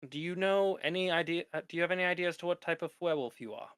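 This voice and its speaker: A man voicing a calm lich professor in a tabletop game, speaking in a measured, explanatory, formal way. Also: a little high, clean tone, no echo, studio quality, natural voice. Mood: matter-of-fact. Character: lich professor in a metal mask, calm, instructive.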